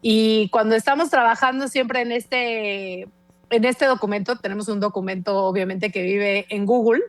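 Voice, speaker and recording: A woman in her forties with a Mexican accent, a guest speaking in an animated, emphatic way on a casual podcast. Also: a little high, normal speed, no echo. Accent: Mexican Spanish. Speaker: guest language expert.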